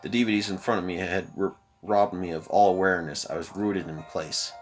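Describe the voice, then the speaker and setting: A young man hosting a let's play, reading a visual novel aloud with expressive commentary. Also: sits low, brisk, faint music behind.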